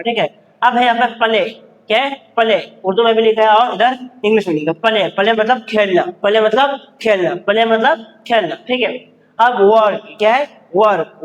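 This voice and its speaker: A man's voice: sits high, in a large hall, poor audio. A male teacher giving a vocabulary lesson, repeating each word and quizzing his students. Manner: repetitive, drills words and asks the class questions. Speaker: English teacher. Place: standing at a board in a classroom.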